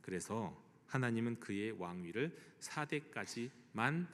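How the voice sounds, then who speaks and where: Korean pastor preaching in a reverberant church. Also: male voice, on the low side, lively intonation, measured pace, fairly bright tone. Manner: storytelling retelling with vivid quoted speech. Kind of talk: sermon. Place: church sanctuary.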